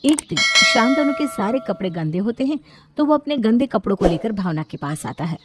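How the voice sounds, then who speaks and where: A woman narrating a scripted moral storybook in an even storytelling manner. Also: on the high side, normal speed, background noise.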